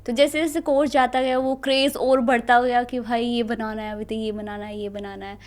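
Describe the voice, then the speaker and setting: Young woman, high voice, lively storyteller, interview guest. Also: a little fast. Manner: animated, laughing storyteller who acts out family dialogue. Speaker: student guest.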